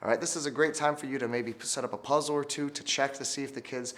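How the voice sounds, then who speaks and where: A man's voice: medium pitch, steady tone, fast, fairly bright tone. A man teaching chess through a story, with call-and-response cues for kids. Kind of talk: instructional video for teachers.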